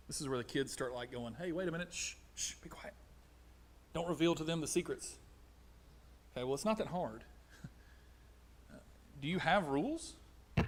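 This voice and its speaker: A middle-aged man preaching a conversational sermon, animated, acting out little exchanges. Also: fairly high pitch. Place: church auditorium.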